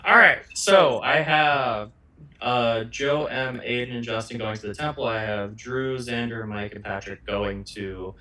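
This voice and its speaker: Bright-voiced man running a tabletop game. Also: mid-range voice, rough recording. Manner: halting, filler-heavy delivery. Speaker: game master.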